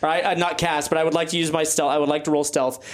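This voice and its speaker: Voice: mid-range voice, flat delivery, quick pace. A player chatting casually and speaking in character during a tabletop role-playing game.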